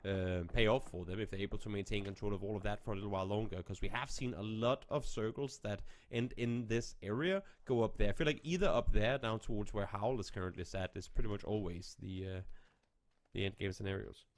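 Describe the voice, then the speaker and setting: A man calling live esports play-by-play in a steady way, lifting his energy when action breaks out. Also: lowish voice, fairly quick. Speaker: esports caster.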